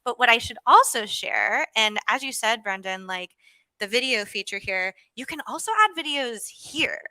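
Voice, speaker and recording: Bright, bubbly woman livestream host. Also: on the high side, animated, normal speed, no echo. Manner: bubbly and exclamatory, frequent "ooh" and laughs. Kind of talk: casual livestream chat.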